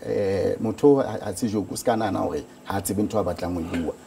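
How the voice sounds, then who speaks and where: Halting, fast-spoken man with Sotho accent. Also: on the low side, creaky, dark tone, slight background noise. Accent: Sotho, South African. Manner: halting, with repeated words and stutters. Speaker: organisation founder being interviewed. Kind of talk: studio news interview answers.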